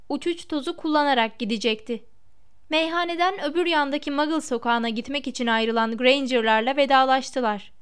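A woman narrating a storybook aloud in a measured, expressive reading. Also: high-pitched, clear, resonant tone. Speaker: audiobook narrator.

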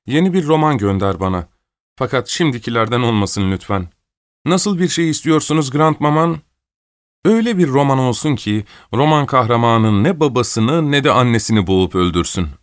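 A man's voice: medium pitch, normal speed, dry recording, studio quality, pitched above the performer's own voice, natural voice. A man voicing an imperious, fussy old countess who scolds and orders people about in an audiobook. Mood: demanding. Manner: scolding, peevish, bossy. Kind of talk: audiobook character voice.

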